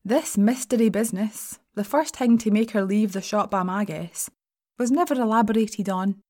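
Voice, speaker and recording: A woman playing a sardonic Scottish shop assistant with a broad Scottish accent and a soft, mellow tone. She tells her story in a wry, sweary, confiding way, with an anxious edge, as in a fiction podcast monologue. Her pitch sits mid-range for a woman. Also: moderate pace, lightly acted. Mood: wry, uneasy. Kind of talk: first-person dramatic monologue in an audio fiction podcast.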